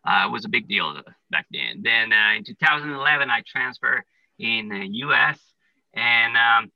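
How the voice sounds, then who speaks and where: Explaining step by step and filling gaps with many "uh" and "you know" fillers, a man from Italy who owns a plumbing business casually answers interview questions in an Italian accent. His medium-pitched voice is gravelly, bright, and forceful, with lively intonation at normal speed, heard in a low-quality recording with no echo.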